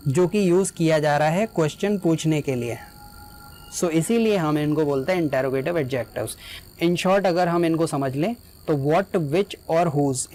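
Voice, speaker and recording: A man teaching an English grammar lesson in Hindi, who explains patiently and dictates English example sentences slowly, word by word. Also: a little high, darkish tone, rough recording.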